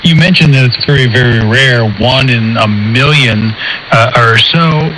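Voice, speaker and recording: A man's voice: mid-range voice, unhurried, bright, forceful tone. A man hosting a radio news interview, putting his points and questions to a guest. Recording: noisy radio broadcast capture.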